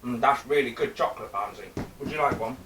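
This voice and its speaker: A man's voice: medium pitch, fast, roomy sound, distant mic, background noise. A man presenting a live cooking demonstration for children. He chats playfully, talks straight to the boys and girls watching, and teases a companion on stage. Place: theatre stage.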